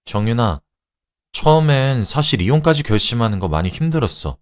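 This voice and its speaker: A man voicing a composed young woman who speaks calmly but with cutting scorn, in a radio drama reading. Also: mid-range voice, brisk, pitched above the performer's own voice, natural voice. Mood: gentle, resigned. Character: cold, composed young woman taking revenge.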